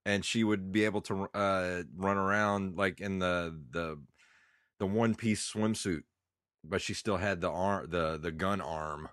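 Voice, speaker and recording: A man's voice: deep voice, steady tone, a little slow, fairly bright tone, no room sound, clean studio sound. A man in his thirties co-hosting a podcast, congested and chatting in a rambling, nostalgic way with plenty of fillers. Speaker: podcast co-host. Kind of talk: casual chat.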